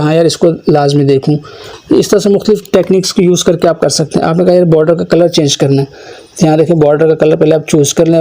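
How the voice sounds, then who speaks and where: A man teaching a computer course, explaining each step of a screen-recorded software tutorial and voicing the learner's requests himself. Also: a little high.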